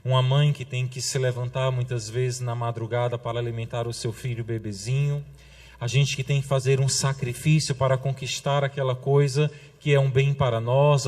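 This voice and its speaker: A man with a Brazilian Portuguese accent, a priest giving a sermon, talking conversationally with the congregation and slowing down to stress key phrases. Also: medium pitch. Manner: conversational preaching with frequent tag questions to the congregation; slows for emphasis on quotations, drops softly at phrase ends.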